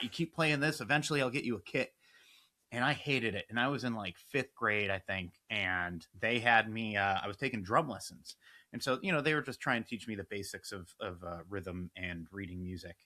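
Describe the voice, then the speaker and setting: A man with a bright, forceful voice talks as a guest on a remote interview. He tells long stories casually, tripping over restarts and fillers as he goes. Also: lowish voice, moderate pace. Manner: lively, rambling, many fillers and restarts. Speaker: guest filmmaker and musician.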